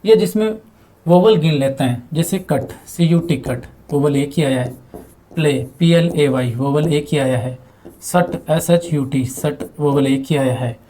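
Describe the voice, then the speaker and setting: A man's voice: a little high, measured pace, mellow. A man teaching a grammar lesson, spelling words out letter by letter and asking his students questions he then answers himself. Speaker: English teacher. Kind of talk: spoken grammar lesson at a board.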